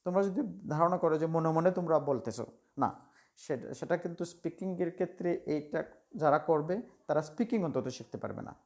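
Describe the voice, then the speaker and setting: A man's voice: fairly high pitch, animated, fairly quick, darkish tone. Male tutor, chanting word lists, loose rambling delivery. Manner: repeats word lists aloud, drills students; rambling, with fillers and self-corrections. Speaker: English teacher. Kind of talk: spoken lesson over slides.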